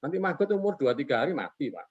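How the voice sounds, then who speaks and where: A man's voice: a little high, sing-song, quick pace, darkish tone, breathy edge. A man who is a guest expert on a webinar, explaining in a folksy way, asking himself rhetorical questions and politely addressing the host after nearly every phrase. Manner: poses rhetorical questions and answers them himself. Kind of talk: casual explanatory talk over a webinar call. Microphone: video call. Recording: lo-fi online call audio.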